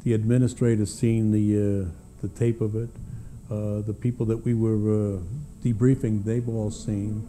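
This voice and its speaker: An older American man giving unscripted witness testimony in a hesitant, halting way, with frequent uhs and pauses. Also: on the low side, flat delivery, dark tone. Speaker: witness, former government aviation official. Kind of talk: personal testimony, unscripted recollection.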